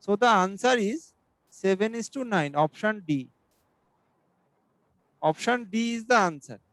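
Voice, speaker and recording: A male mathematics teacher giving an exam-prep lesson, explaining each step slowly and reading questions aloud. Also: sits high, lively intonation, fairly bright tone, dry recording, rough recording. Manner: asks students for doubts.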